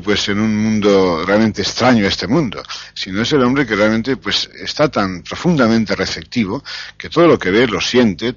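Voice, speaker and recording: Husky low-voiced man, slow and reflective. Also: a bit bright, no room sound, muffled recording. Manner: slow, thoughtful, with frequent hesitations. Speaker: interview guest. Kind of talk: reflective interview answers.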